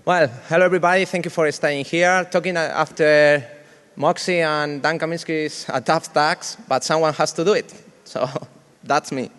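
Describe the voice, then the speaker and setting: A man's voice: a little high, fairly even intonation, a bit bright, clear, resonant tone. Spanish-accented man joking in a hall. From Spain. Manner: joking, self-deprecating, halting English with fillers. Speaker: conference speaker. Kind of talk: humorous conference talk. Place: large conference hall.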